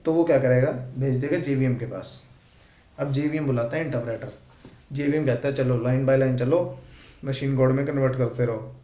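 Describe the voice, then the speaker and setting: A man's voice: medium pitch, a little fast. A man teaching a programming lesson in an informal, chatty way, talking straight to his students. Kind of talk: casual Hindi lecture mixing English terms. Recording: echoey room, dull lo-fi sound.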